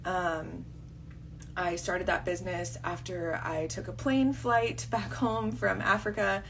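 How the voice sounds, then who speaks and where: A woman in her thirties with a rough morning voice, talking through a rambling, chatty livestream full of fillers and tangents. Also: fairly low pitch, steady tone, slow, a little hiss or hum. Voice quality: husky. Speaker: vlogger and wedding videographer. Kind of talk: casual livestream talk.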